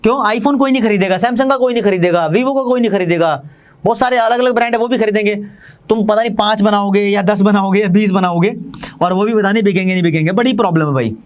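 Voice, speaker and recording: A man with an Indian accent teaching commerce in a fast, chatty online lecture, talking straight to his students. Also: high voice.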